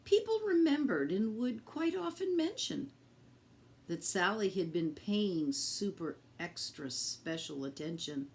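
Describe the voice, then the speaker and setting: Her voice sits in the middle range as she reads a picture book to kids. She is expressive and measured in a teacherly way, speaking right to the children.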